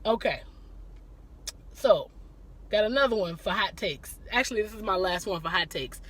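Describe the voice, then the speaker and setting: A woman's voice: mid-range voice, lively intonation, normal speed, fairly bright tone. Chatty leaning woman hosting a live stream. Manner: laughs often, greets viewers by name mid-talk. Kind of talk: casual live-stream chat answering viewer questions.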